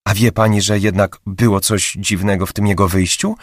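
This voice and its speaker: A man voicing a calm, shrewd female detective who asks probing questions, for an audiobook. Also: lowish voice, normal speed, no echo, studio quality, lightly acted.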